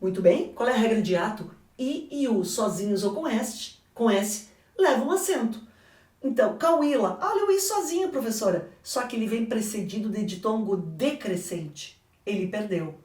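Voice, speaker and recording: A woman's voice: fairly high pitch, lively intonation, moderate pace, darkish tone, distant mic. Brazilian woman teaching in an echoey room. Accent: Brazilian Portuguese. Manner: didactic, asks and answers her own questions. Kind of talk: exam correction lesson.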